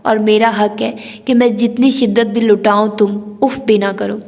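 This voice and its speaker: A woman's voice: mid-range voice, little pitch movement, moderate pace, darkish tone, lightly acted. A woman voicing a playful, teasing young husband in a romance novel reading, with a long hall reverb. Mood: intense. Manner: teasing, bantering.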